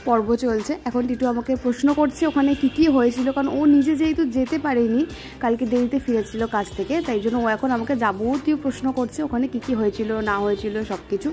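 A young woman chats in a quick, high voice while she does her makeup for the camera. She sounds a little worn out, and music plays underneath her talk. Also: warm tone. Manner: chatty, talks while doing her makeup. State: tired. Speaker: vlogger. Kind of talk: casual vlog chat.

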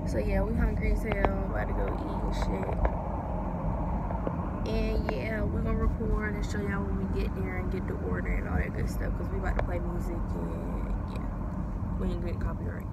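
A woman's voice: medium pitch, moderate pace, recorded from a distance, very noisy. A young adult woman chatting casually for a vlog in a slangy, playful, profane way on a phone recording. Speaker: vlogger. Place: mostly inside a car at night. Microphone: handheld or dash-mounted phone.

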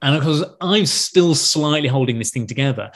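A man, a wine expert, telling a lively anecdote on a podcast, acting out other people's lines and laughing as he goes. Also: fairly high pitch, normal speed. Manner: animated storyteller, acts out quotes, laughs mid-sentence.

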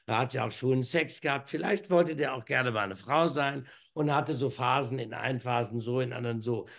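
A man's voice: mid-range voice, brisk, vocal fry, fairly bright tone. A man in his fifties co-hosting a casual comedic chat over a video call from home, rambling and joking with many restarts. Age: 50s. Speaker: co-host. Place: room at home, indoors. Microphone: video call webcam.

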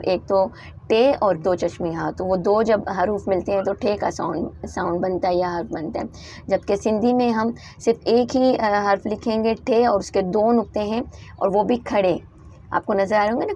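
A woman who teaches letters patiently. She repeats word lists slowly and often pauses with "uh" between phrases. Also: mid-range voice, darkish tone, muffled recording, a little hiss or hum. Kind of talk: patient language lesson.

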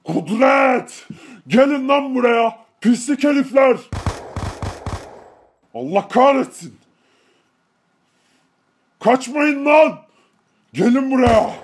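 A man's voice: high voice, lively intonation, normal speed, a little hiss or hum. A man doing a raging young gang son. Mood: furious shouting. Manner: shouting, enraged. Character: grieving hot-headed young gang son, male.

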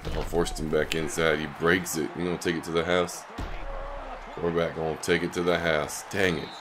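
A man with a scratchy, sick-sounding throat, giving laid-back, casual commentary on the game he's playing, with short excited outbursts. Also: extremely low pitch, moderate pace. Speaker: gaming YouTuber.

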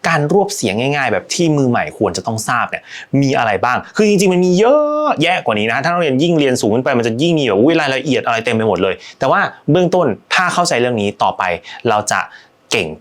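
A man teaching English as a tutor, chatting straight to his students and slowing right down to model example sentences. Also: mid-range voice, very animated. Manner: chatty, addresses students directly. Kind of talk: language lesson.

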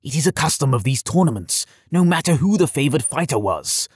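A man voicing an old male advisor who speaks in a steady, placating way. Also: fairly high pitch, brisk, breathy edge, dry recording, clean studio sound. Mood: explaining. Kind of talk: audiobook character voice.

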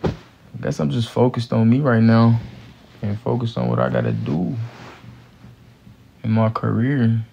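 Young man, American accent, tired and laid-back, gravelly, slangy livestream chat, dull phone audio with faint noise. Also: mid-range voice, expressive, unhurried, long pauses, warm tone. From Gary, United States. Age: young adult. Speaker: live streamer, actor. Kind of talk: casual livestream chat answering comments. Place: small room indoors, lying down. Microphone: handheld phone at close range.

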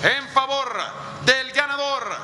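A man working as a ring announcer, declaiming formally and theatrically like a lucha libre announcer, drawing out names with deliberate phrasing. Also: extremely high pitch, fairly even intonation, pushed and bright. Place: boxing ring in a TV studio. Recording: reverberant arena PA with noisy background.

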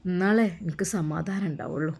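A woman voicing an affectionate older mother who gently coaxes and persuades in a storybook tale. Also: on the low side, a little fast, breathy edge. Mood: coaxing tender. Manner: coaxing, affectionate. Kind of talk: storytelling voice acting.

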